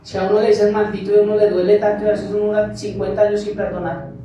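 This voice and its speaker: A man's voice: high-pitched, level tone, very fast, highs cut off, background noise. A male pastor preaching a sermon and telling his own testimony, asking the congregation rhetorical questions. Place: church sanctuary. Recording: echoey church hall, far mic, music behind. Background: music.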